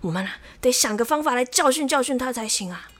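A woman's voice: sits high, lively intonation, fast, a bit bright. Lady doing a grumpy village barber guy, sulky and scheming, kids' storybook. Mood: indignant. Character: resentful grumbling male village barber.

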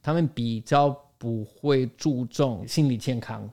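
A man from outside Taiwan appears as a guest in a casual interview, speaking in a dark, mid-range voice at an unhurried pace. He shares his opinions and backs them up with stories and quoted exchanges.

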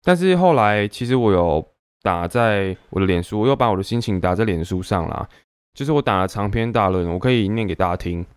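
A young man with a Taiwanese Mandarin accent, venting casually to camera in an animated way with many fillers. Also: on the low side, a little fast, smooth, no echo, studio quality. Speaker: vlogger.

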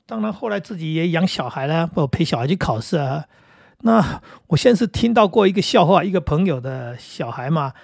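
A man's voice: fairly high pitch, vocal fry, darkish tone, breathy edge, no echo, studio quality. A middle-aged man and father, telling stories about his own experiences in a chatty, casual way. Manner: chatty, with many fillers and asides. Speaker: podcast host and father. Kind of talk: casual storytelling.

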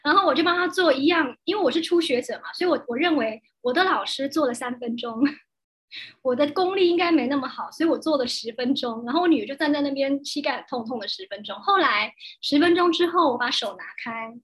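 A high-pitched woman with a Taiwanese Mandarin accent runs a course in a relaxed way, talking fast. She tells lively stories, laughs a lot, and acts out the lines she quotes.

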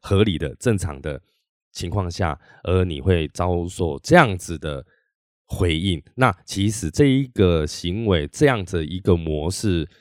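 Animated man telling a story. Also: low-pitched, unhurried, no echo, studio quality. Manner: animated, acts out quotes, restarts often. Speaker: podcast host and working musician. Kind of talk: casual storytelling monologue.

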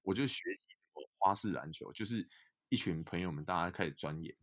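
A young man, a guest telling stories in a casual interview, animated and full of fillers. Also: deep voice, a little fast. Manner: animated storyteller, many fillers. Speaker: guest, basketball player.

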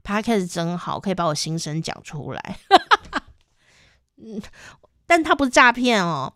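A woman's voice: fairly low pitch, measured pace, dry recording, studio quality. A young adult woman with a Taiwanese Mandarin accent, hosting a casual podcast and telling stories animatedly with frequent laughter. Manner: animated storyteller who laughs often. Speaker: podcast host.

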